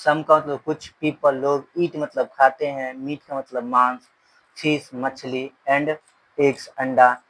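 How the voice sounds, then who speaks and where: A man teaching an English lesson in Hindi. He reads English words slowly, translates them, and repeats the grammar rules. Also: mid-range voice, fairly bright tone, poor audio. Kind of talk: slow bilingual grammar lesson.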